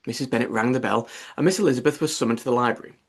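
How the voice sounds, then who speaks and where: A man's voice: medium pitch, very fast, husky. A man reading a classic novel aloud as an audiobook narrator, in scripted literary narration.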